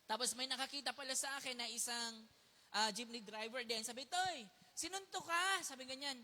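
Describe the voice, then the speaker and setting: A man from the Philippines preaches with a high, sharp voice. He speaks in a conversational way, often asks his listeners questions and switches into English phrases. His voice rings out with a long reverb, as in a large hall. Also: level tone, fast. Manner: mixes English phrases into Tagalog. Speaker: pastor. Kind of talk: sermon with a personal story.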